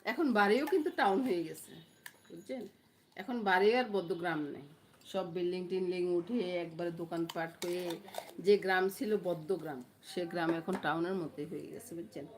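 A woman's voice: fairly low pitch, brisk. Middle-aged woman, casual vlog chat, keeps checking viewers follow, phone camera, light background noise. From Noakhali, Bangladesh. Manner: chatty, often asks viewers "understand?". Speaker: vlogger. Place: home.

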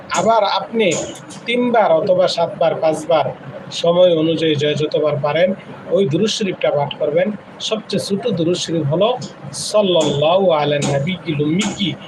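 A man preaching on a live stream, repeating earnest instructions and reciting Arabic prayers slowly. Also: a little high, background noise. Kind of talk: live religious talk with recitation.

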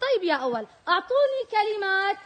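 A woman teacher, leading young children in an energetic call-and-response lesson and calling out loudly to them. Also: very high voice, fast. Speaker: kindergarten teacher. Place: classroom full of children. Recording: loud noisy classroom with chattering kids.

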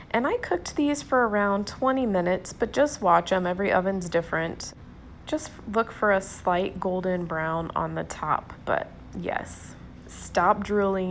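A cooking vlogger with a Southern US accent gives a chatty, upbeat voice-over, talking straight to her viewers and calling them "you guys." Her voice is mid-range, with a little hiss or hum in the recording.

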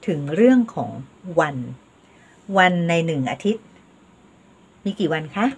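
Slow, breathy older woman teaching. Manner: slow, patient counting drills with lively pitch. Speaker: Teochew language teacher. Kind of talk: home video language lesson.

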